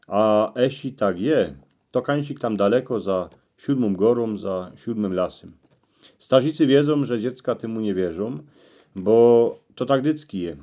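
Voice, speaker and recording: A man with a Cieszyn Silesian accent presenting a reflective, folksy monologue in regional dialect, told in a measured storytelling way. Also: lowish voice, mellow. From Cieszyn Silesia, Poland. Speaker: YouTube channel presenter.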